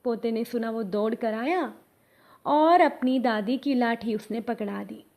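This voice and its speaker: A woman narrating a devotional moral story, gently addressing her listeners as the congregation. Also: fairly high pitch, measured pace.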